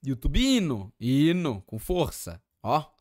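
A young man with a Brazilian accent, streaming and reacting excitedly with lots of slang and exclamations. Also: medium pitch, takes it slowly, soft background music. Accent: Brazilian Portuguese.

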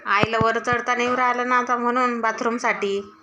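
A woman's voice: on the high side, little pitch movement, brisk, background noise. A woman with a Marathi accent chatting casually at home, coaxing and affectionate with her child. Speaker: vlogger and mother. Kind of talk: casual family chat.

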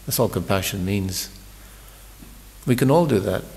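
A man's voice: fairly low pitch, a little slow, vocal fry, darkish tone, long reverb tail. A man giving a morning scripture class, talking in a conversational storytelling sermon, often repeating words as he restarts. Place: large temple hall.

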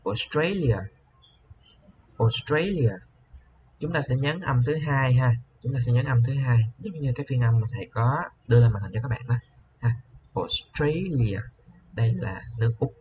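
A male teacher with a medium-pitched voice patiently explains an English lesson, repeating each word slowly and often adding a soft tag to his sentences. The recording is slightly dull and lo-fi, with faint hiss.

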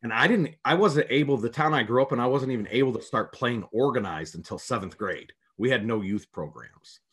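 A man's voice: medium pitch, animated, a little fast, fairly bright tone, husky. A man from upstate New York, a basketball coach, answering interview questions over a video call in a rambling, storytelling way with many restarts. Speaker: head prep basketball coach, guest.

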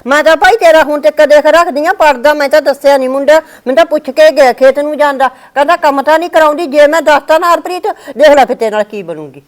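A woman's voice: high voice, fast talker, few pauses, close to an everyday voice. A woman with a Punjabi accent playing a put-upon mother-in-law who grumbles about being overworked. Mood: complaining. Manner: plaintive, grumbling. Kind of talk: scripted family skit.

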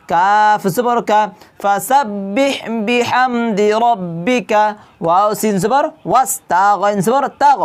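A Quran teacher works through a tajweed lesson, spelling out each letter and vowel mark before reciting the verse in long, drawn-out tones. The voice sits at a middle pitch and sounds smooth and clear. The teacher keeps asking the listeners questions and then answering them.

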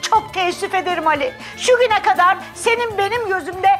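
An actress playing a scolding, sharp-tongued mother in her forties in a sitcom. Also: extremely high pitch, a little fast, faint music behind. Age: 40s. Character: sharp-tongued middle-aged woman, protective mother. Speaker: stepmother. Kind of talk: sitcom acting.

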